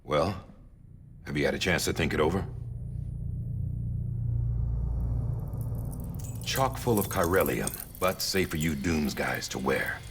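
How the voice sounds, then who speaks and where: An actor playing a grave, commanding director giving a mission briefing in a video game. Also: male voice, rumbling low, expressive, moderate pace. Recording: roomy echo, clear background noise.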